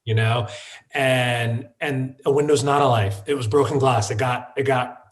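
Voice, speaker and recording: A man, the founder of a wine shop, telling a personal story in an interview, halting and restarting with many fillers. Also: mid-range voice, steady tone. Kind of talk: conversational storytelling.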